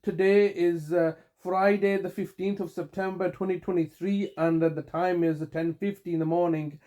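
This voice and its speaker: A man's voice: high-pitched, fairly even intonation, normal speed, mellow. A man leaving a long phone voicemail, aggrieved and accusatory, often stopping to restart his sentences. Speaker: caller.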